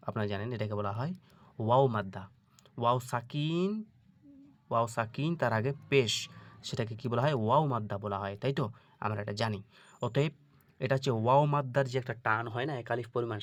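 A man teaching Quran reading in an online lesson. He explains slowly, puts questions to his students, and spells out the letters before reciting each word drawn out. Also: medium pitch.

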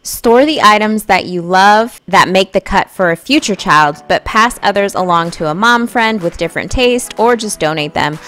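A woman's voice: mid-range voice, expressive, normal speed, hardly any pauses, a bit bright. A young woman narrating her home cleaning vlog as a voice-over, talking to viewers in a friendly, direct way. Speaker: vlogger.

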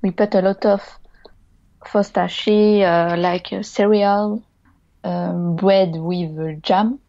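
Very slow, halting woman with a mellow voice. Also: fairly low pitch, steady tone, creaky. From Morocco. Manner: halting, searching for words, giggly. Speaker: podcast guest. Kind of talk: casual chat. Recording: dull lo-fi sound.

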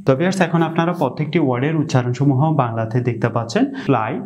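A Bangladeshi-accented teacher with a medium-pitched, darkish voice gives an explanatory online class on English pronunciation. He says example words slowly and repeatedly, with frequent "ah" pauses.

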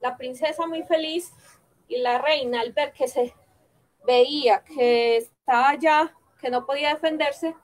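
A woman telling a fairy tale on stage, halting and correcting herself as she goes. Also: sits high, steady tone, low-quality recording. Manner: halting, with frequent self-corrections. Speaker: storyteller.

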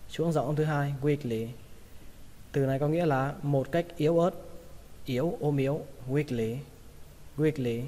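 A man with a Vietnamese accent gives a pronunciation lesson, drilling each English word over and over at an unhurried pace. His voice sits a little high for a man, and a long reverb trails after it. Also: mellow. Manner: repeats each word slowly several times. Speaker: English vocabulary teacher.

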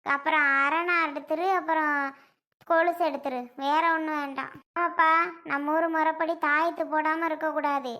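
A woman playing a fussy, sharp-tongued old grandmother, scolding and complaining in a family comedy skit. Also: high-pitched, fairly even intonation, normal speed. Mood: bossy.

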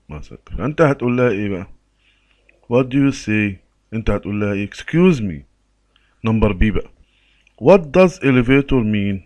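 A man with an Egyptian Arabic accent teaching an English lesson, reading the English slowly and explaining in quick bursts. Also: medium pitch, no echo. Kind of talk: recorded lesson for a workbook.

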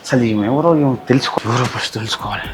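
An actor playing a defensive young husband with a Telangana Telugu accent, complaining and impatient. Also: male voice, mid-range voice, fast, loud music behind the voice, close to an everyday voice. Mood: grumbling.

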